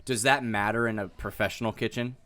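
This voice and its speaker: A man hosting a podcast, asking quick, curious, joking questions in a casual chat. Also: fairly low pitch, fairly even intonation, pushed and bright. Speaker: podcast host.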